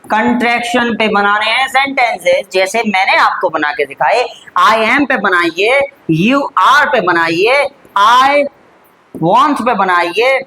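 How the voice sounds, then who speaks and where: A man with an Indian accent teaching English, repeating phrases slowly and coaxing his students. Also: high voice, expressive, bright, forceful tone, poor audio. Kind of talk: classroom-style lesson, drilling phrases.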